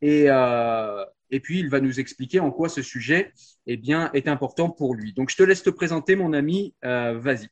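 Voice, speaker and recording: A man's voice: medium pitch, normal speed. A man hosting a video interview, introducing his guest in a hesitant way with frequent fillers. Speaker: host.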